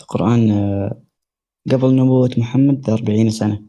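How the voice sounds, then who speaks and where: A man's voice: medium pitch, fairly even intonation, a little fast, mellow. A man calling into a live debate, speaking colloquial dialect with hesitant fillers. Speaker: caller.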